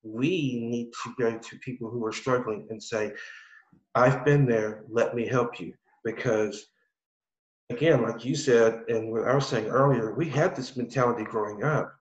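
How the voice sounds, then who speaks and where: A man, an army veteran and podcast guest, tells an earnest, animated story in an interview. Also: medium pitch, moderate pace. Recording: roomy, dull audio.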